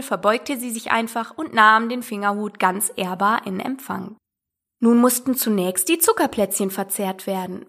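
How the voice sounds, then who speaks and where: A woman narrating a storybook aloud in an expressive reading style. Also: fairly high pitch. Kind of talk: audiobook reading.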